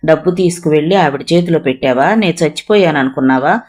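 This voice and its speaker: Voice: medium pitch, fast talker, a little mellow, natural voice. A narrator voicing a proud, bitter widowed mother who scolds sharply. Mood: scolding.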